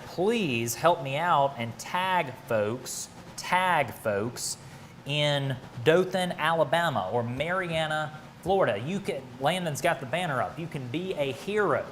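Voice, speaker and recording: A man's voice: fairly high pitch, lively intonation, takes it slowly, fairly bright tone, slight background noise. An American man giving live, ad-libbed severe weather coverage, speaking urgently and emphatically with direct appeals to listeners. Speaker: weather broadcaster.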